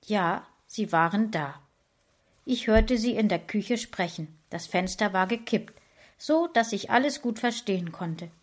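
A woman narrating a children's story in the first person of a dog, in a gentle storytelling manner. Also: mid-range voice, expressive, unhurried. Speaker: audiobook narrator.

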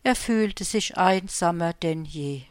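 A woman reading her own Christmas story aloud, calm and unhurried. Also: fairly low pitch, dry recording.

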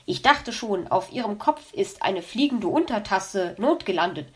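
A woman's voice: mid-range voice, expressive, unhurried, lightly acted. A woman voicing a grumpy, boastful male fox in a storybook tale, grumbling and teasing.

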